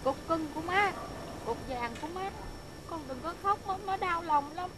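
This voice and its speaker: A woman playing a frail, confused old grandmother in a comedy sketch, speaking softly and tenderly in a trembling, sing-song way. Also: very high voice, animated, moderate pace. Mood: soothing. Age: older. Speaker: grandmother character. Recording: loud background noise, distant voice.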